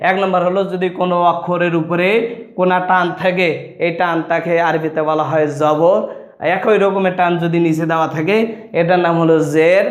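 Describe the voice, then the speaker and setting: A man teaches Quran reading, his voice pitched high for a man. He drills letters and syllables in a slow sing-song chant. The room around him rings with echo. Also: level tone, muffled recording.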